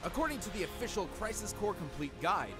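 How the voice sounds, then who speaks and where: An earnest, nerdy scientist co-host performed by a man, with a fairly high voice and animated intonation. He explains things precisely in scripted narration, with music clearly audible underneath. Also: quick pace. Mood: analytical. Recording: voice over background music.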